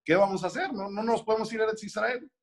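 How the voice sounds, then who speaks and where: Man as a fretful storybook villager, excitable and high-voiced. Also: quick pace. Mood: pleading. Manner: excitable, pleading. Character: simple worried male villager, middle-aged.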